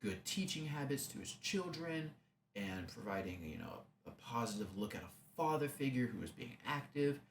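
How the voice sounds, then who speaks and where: A man's voice: medium pitch, animated, normal speed. A young man giving a sarcastic, rambling movie review with restarts. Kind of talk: casual movie review rant. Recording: echoey room, faint hum.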